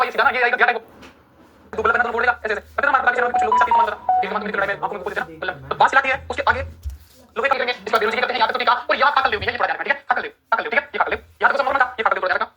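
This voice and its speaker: A woman's voice: fairly high pitch, very fast, pushed and bright, soft background music. A woman teacher giving an exam-prep lecture who quizzes her students and repeats key terms. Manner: repetitive, quizzing, addresses students as friends.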